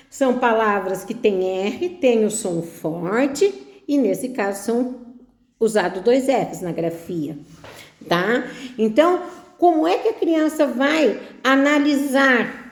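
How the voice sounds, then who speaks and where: A fairly high-voiced woman gives a spelling lesson. She explains step by step, asks questions and keeps checking that her listeners follow. Her voice rings in an echoey room. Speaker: teacher.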